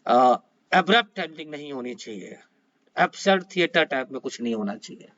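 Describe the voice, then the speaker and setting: A man's voice: on the high side, lively intonation, moderate pace, fairly bright tone. A man teaching an exam-prep lecture, switching between Hindi and English, with many hesitations and self-corrections. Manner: mixes Hindi and English, frequent hesitations and restarts. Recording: dull lo-fi sound.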